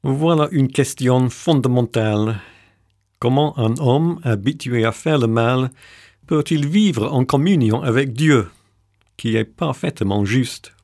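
A man hosting a Bible reflection show, reading his scripted narration in a measured, composed way. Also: mid-range voice, darkish tone, dry recording, clean studio sound. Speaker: radio show host.

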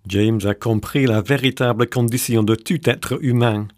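A man hosting a Bible reflection show, reading his scripted narration in a measured, composed way. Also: mid-range voice, steady tone, a little mellow, no echo, clean studio sound. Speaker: radio show host.

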